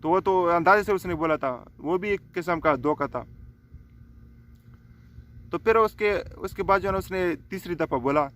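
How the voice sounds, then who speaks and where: A man's voice: high voice, normal speed, pauses often, a bit bright, slight background noise. A man casually telling a folk tale aloud, rambling with many fillers and restarts. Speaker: storyteller. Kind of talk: casual oral storytelling.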